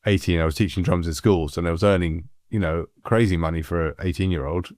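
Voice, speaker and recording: A middle-aged man from England, a music producer, telling anecdotes in a relaxed, animated way with frequent laughs. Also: low voice, fast, no echo, clean studio sound. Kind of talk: relaxed storytelling.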